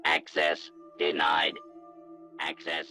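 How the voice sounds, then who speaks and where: Synthesized computer teller voice, very deep, gravelly, sharp bright tone, slow clipped announcements. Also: male voice, monotone, faint music behind. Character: automated male bank-teller computer, cold and flat.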